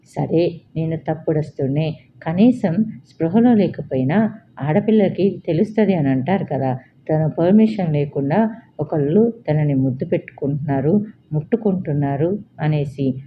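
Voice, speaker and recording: A woman narrator playing a stern young male boss in an audiobook drama, low-voiced and insistent. The recording is a bit dull, with faint hiss. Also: expressive, normal speed. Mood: angry. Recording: slightly dull lo-fi.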